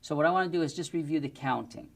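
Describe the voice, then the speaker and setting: A middle-aged music teacher with a fairly high, gravelly voice races through a methodical, step-by-step lesson demonstrated to camera. He wears a lapel mic in an indoor studio with a plain backdrop.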